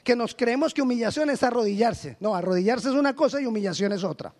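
High-voiced preaching pastor. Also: male voice, lively intonation, fast talker. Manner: preaching with sudden swings between loud exhortation and low quiet asides. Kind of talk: sermon.

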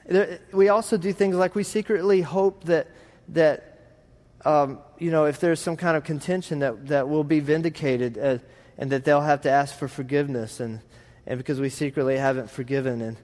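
A man with a rural Texas drawl preaches at a moderate pace in a fairly high, steady, slightly mellow voice. Folksy and self-deprecating, his rambling sermon is full of anecdotes for a congregation gathered in a large room, and the recording carries a reverberant hall sound.

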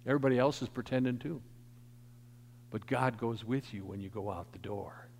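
A man's voice: mid-range voice, normal speed, creaky, a little hiss or hum. Man preaching in an echoing church. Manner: emphatic preaching that swells in volume, then drops to soft. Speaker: pastor. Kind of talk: sermon. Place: church sanctuary. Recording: long church reverb.

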